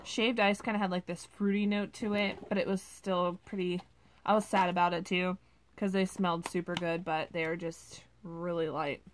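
A woman's voice: lowish voice, level tone, normal speed, a little hiss or hum. Chatty woman gushing over wax scents. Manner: chatty, gushing, with many ums and likes. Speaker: vlogger reviewing wax melts. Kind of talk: casual product review.

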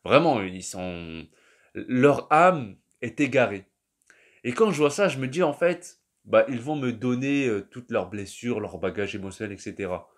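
A man's voice: mid-range voice, animated, unhurried. Slangy young man rambling. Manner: slangy, rambling, addresses the listener as "tu". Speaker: vlogger. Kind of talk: casual monologue to camera.

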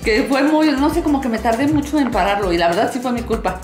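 A woman hosting a toy channel in a casual, playful way, with a bright, sing-song, excitable delivery. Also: a little high, fast. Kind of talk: casual playful presenting to camera. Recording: roomy echo, music underneath. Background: background music.

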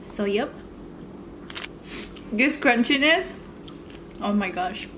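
A woman's voice: mid-range voice, animated, takes it slowly, a bit bright, slight background noise. A woman hosting a mukbang video, chatting casually and rambling between bites of food. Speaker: mukbang channel host. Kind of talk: casual chat while eating on camera.

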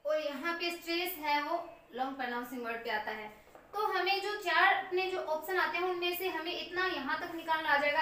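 A woman teacher with a high, bright voice slowly sounds out English words syllable by syllable, explaining as she writes. She is heard from a distance in a very echoey room. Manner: slow, repeats words aloud syllable by syllable while writing. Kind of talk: Hindi-language lesson on English phonetics.

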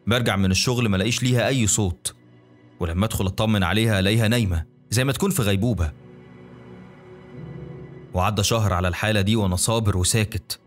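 Fast-talking Egyptian male storyteller. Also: on the low side, faint music behind. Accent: Egyptian Arabic. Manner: rapid, colloquial, conversational. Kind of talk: dramatic first-person story narration.

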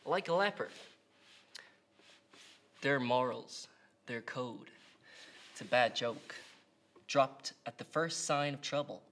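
A man in his twenties playing an unhinged, taunting criminal clown in a theatrical, drawn-out film monologue. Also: mid-range voice, a bit bright. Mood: mocking, intense. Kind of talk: film drama monologue acting.

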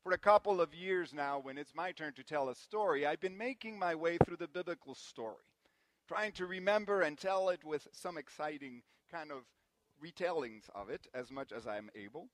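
A man from Guatemala giving a sermon in a church, telling family anecdotes with gentle self-deprecating humor. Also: fairly high pitch, moderate pace, a little hiss or hum. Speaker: preacher. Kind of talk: sermon with personal storytelling.

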